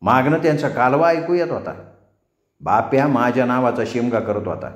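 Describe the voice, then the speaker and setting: A man telling a folk tale in a brisk, earthy manner. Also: mid-range voice, lively intonation. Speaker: storyteller. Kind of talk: spoken rural folk tale. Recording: echoey room.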